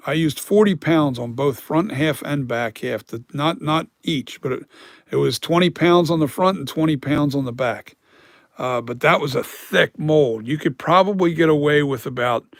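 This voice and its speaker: A man with a dry, hoarse, mid-range voice chats casually on a live stream about making masks. He rambles and corrects himself as he explains, and the recording is dry.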